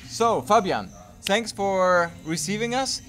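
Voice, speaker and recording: A man hosting a travel vlog, interviewing a guest outdoors in an upbeat, quick way. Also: high-pitched, animated, a bit bright, soft background music. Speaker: host. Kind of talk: casual interview.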